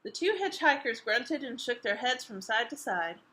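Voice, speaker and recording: A children's librarian reads a picture book aloud to toddlers at storytime, using an expressive manner and stopping to ask the little listeners questions. Her voice sits on the high side.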